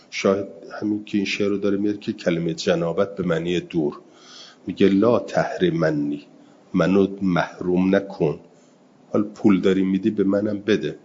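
A man with a very low voice teaches a seminary lesson on Quranic grammar. He reads Arabic slowly and deliberately, then explains each point quickly in everyday Persian. The recording sounds slightly muffled, with faint background noise. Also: darkish tone. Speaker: religious studies teacher.

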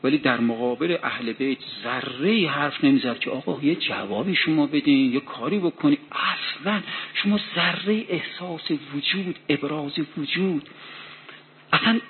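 A man preaching a sermon, telling a story dramatically, his voice rising in heated passages. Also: on the high side. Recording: tinny phone-like sound with faint hiss.

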